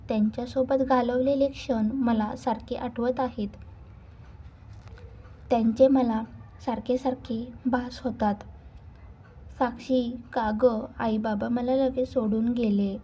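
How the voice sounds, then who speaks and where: A woman voicing a gentle, sorrowful young newlywed woman in a read-aloud story. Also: fairly high pitch, fairly even intonation, takes it slowly, husky, muffled recording. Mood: sad. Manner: quiet and sorrowful.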